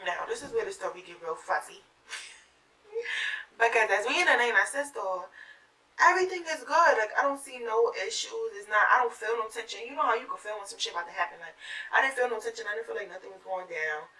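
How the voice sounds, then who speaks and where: Young woman, brash storyteller on her beauty channel, bright voice, roomy room, mic a few feet off. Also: fairly high pitch, quick pace, distant mic. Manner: animated, profane, acts out the quotes. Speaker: beauty vlogger. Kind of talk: casual storytime while doing makeup. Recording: roomy sound, mic set back.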